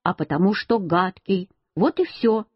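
Woman reading as a stern mother, scolding, reproachful, husky, muffled lo-fi sound. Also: mid-range voice, measured pace, dry recording. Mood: cross. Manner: reproachful, firm. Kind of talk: storybook reading. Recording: dull lo-fi recording.

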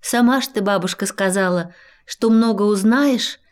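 A woman's voice: medium pitch, moderate pace, smooth, lightly acted. A woman voicing a polite, timid young girl in a storybook reading. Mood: meek. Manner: soft, polite, respectful.

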